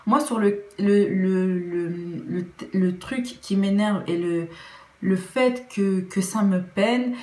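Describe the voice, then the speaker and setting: A woman's voice: medium pitch, warm tone. A young Belgian woman with a Belgian French accent, talking earnestly in a casual opinion vlog, often restarting her sentences. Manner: earnest, with many restarts and fillers. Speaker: vlogger. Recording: roomy echo.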